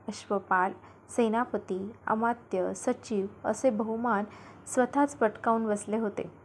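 A woman narrating an audiobook novel in the first person, with steady storytelling delivery. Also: fairly high pitch, slight background noise.

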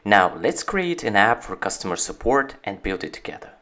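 A founder presents his product through a screen-recorded software tutorial, narrating as a voice-over. The man's voice is lowish, his speed normal, and his walkthrough steady and explanatory.

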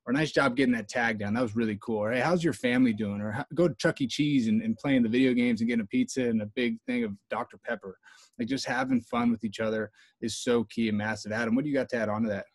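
A man, a baseball coach, speaking in a fired-up, energetic way on a video call. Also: medium pitch, quick pace, no room sound. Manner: fired up, energetic, laughs easily.

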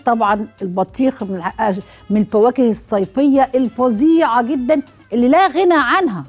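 A middle-aged woman with an Egyptian Arabic accent hosts a cooking show, demonstrating with a watermelon. She asks viewers questions and answers them herself, in a high voice with a darkish tone.

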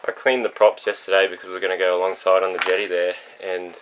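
A young man talks to a handheld camera aboard his sailboat. His voice sits low and stays fairly flat, loose and rambling with plenty of "um"s. A faint hum of ambience runs behind him. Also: quick pace, poor audio. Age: young adult. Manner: relaxed and rambling, with many fillers. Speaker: sailing vlog host. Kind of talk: casual vlog talk to camera. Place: on and inside a sailboat. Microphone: action camera held close.

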